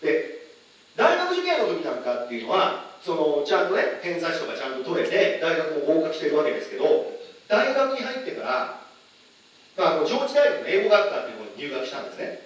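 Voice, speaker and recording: A man teaching a lively lecture, asking his audience questions, with many fillers. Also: fairly high pitch, brisk. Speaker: English teacher giving a lecture. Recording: echoey room, far from the mic, faint noise.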